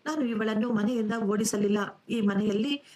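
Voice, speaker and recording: A woman's voice: medium pitch, moderate pace, a little mellow, natural voice. A woman voicing a bullying older mother-in-law in a storybook tale, cold and scolding. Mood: placating. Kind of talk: storybook narration.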